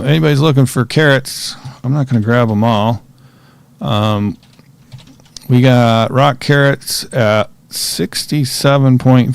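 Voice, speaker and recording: Chill guy narrating his game as he plays, kinda gravelly voice. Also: medium pitch. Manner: relaxed, chatty, talks to himself while playing. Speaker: gaming streamer. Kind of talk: casual gameplay commentary.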